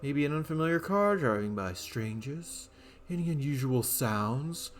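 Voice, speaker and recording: A man's voice: medium pitch, animated, measured pace, faint music behind, close to an everyday voice. A man voicing an FBI agent in a game, asking formal, polite questions. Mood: businesslike.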